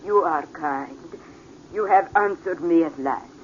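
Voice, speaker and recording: The same worldly Italian character, a mature and passionate woman quietly shielding her child, is voiced by an actress with a deep voice. She sounds bitter and pleading, delivering formal, theatrical lines slowly and deliberately with an Italian accent. The old radio drama recording is muffled and full of noise.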